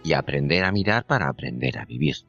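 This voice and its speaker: A man co-hosting a radio program, reading a scripted spiritual reflection in a measured, solemn way. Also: a bass voice, expressive, fairly bright tone, highs cut off, soft background music. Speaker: radio co-host.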